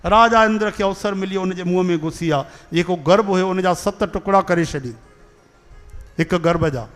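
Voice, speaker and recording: A man's voice: high voice, in a large hall. A man with a Sindhi accent giving a devotional sermon, telling stories and leading call-and-response chants. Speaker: kathavachak, religious storyteller.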